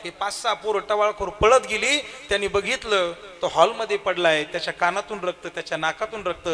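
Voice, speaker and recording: A male devotional preacher telling a story in a sermon, dramatic, swinging between loud cries and hushed asides, on a stage microphone. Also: high voice, fairly quick. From Maharashtra. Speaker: kirtan preacher. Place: stage at a crowded kirtan with loudspeakers.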